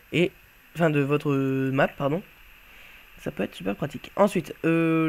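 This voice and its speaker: A man with a somewhat high voice walks through a game mod in relaxed, chatty commentary. He thinks aloud as he plays, offhand and unpolished. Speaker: YouTuber showcasing a game mod. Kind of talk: casual gameplay commentary.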